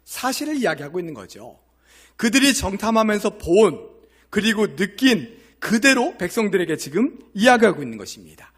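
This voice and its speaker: A male pastor from Korea preaching a Sunday sermon, reading scripture slowly and then explaining it with questions to the congregation. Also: high voice, very animated, husky. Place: church sanctuary.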